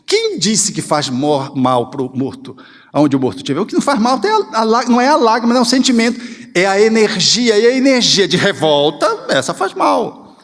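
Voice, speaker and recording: A man giving a spiritual lecture in an animated, expressive way, acting out little scenes. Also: high voice, moderate pace. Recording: reverberant hall.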